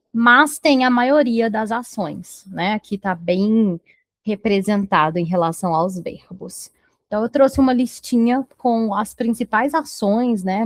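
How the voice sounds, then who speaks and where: A Brazilian woman teaches English, moving between Portuguese explanations and slow, careful English examples. Her voice sits in an ordinary middle pitch. The recording is close and dry. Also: dry recording. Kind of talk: bilingual language lesson.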